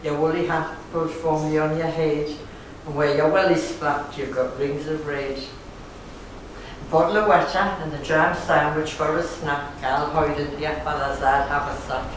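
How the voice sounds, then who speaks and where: A man's voice: a little high, steady tone, measured pace. Northumbrian man reciting in an echoey hall. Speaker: amateur performer at a dialect gathering. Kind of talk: reciting a nostalgic dialect poem. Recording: echoey hall, far from mic, background noise.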